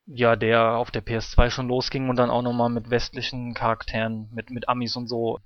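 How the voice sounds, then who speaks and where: A man's voice: mid-range voice, completely flat delivery, brisk, no room sound, muffled recording. A man co-hosting a casual gaming podcast who chimes in and asks questions back. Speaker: podcast co-host.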